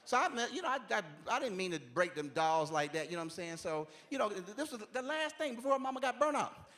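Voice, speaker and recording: A man in his forties works a church crowd as a stand-up comedian. His voice sits high for a man and swoops up and down as he talks, loose and chatty, with a drawling, streetwise turn of phrase. He keeps checking in with "you know what I'm saying.". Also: sing-song, fast talker, fairly bright tone. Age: 40s. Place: church stage.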